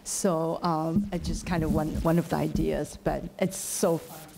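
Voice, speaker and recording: A woman speaking on a discussion panel as a teacher, talking haltingly and searching for words. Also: low-pitched, fairly even intonation, creaky, noisy background.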